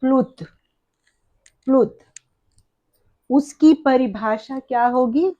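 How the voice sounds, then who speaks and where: A woman's voice: high-pitched, slow, warm tone. A woman teacher explaining an exam-prep lesson step by step, asking the class questions, counting items aloud and correcting her own slips. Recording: dull lo-fi recording.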